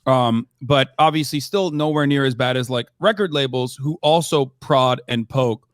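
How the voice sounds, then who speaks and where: A man's voice: mid-range voice, normal speed, no echo, studio quality. A man who grew up in Turkey, a commentator debating on a live stream, hesitant with many fillers and restarts, swearing now and then.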